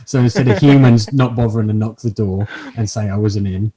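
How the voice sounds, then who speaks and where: A man's voice: lowish voice, a little fast, warm tone. A man chatting casually as a podcast host, with dry, self-deprecating, sweary humour. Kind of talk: casual comic chat.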